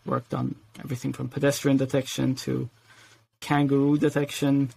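Guy in his 40s, grew up in sweden, kinda gravelly, lots of uhs and ums, chill podcast guest. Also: mid-range voice, normal speed. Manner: relaxed, hesitant with many fillers, laughs easily. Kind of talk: casual interview talk.

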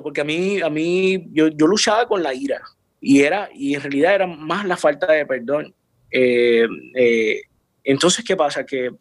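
Man, faith testimony, earnest, restarts words, slightly high pitch, dry recording. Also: no room sound. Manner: earnest, repeats and restarts words, drops English words into Spanish.

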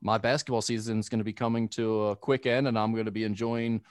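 A man's voice: lowish voice, little pitch movement, fast, no room sound. Guest guy on a podcast, easygoing, joking around, dry close sound. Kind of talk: casual chat.

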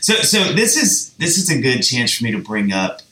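A man hosting a podcast, talking about songwriting in an animated, chatty way with frequent restarts and easy laughter. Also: mid-range voice, moderate pace, roomy sound. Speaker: podcast host. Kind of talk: casual music chat.

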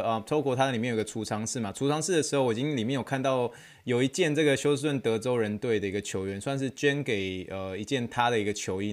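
Fast-talking excitable man. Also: medium pitch. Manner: excitable, animated, many fillers and restarts. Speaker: podcast host, physical therapy intern. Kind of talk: casual solo storytelling.

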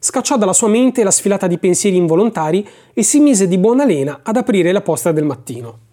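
An audiobook narrator giving a measured, expressive reading of a novel chapter. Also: medium pitch.

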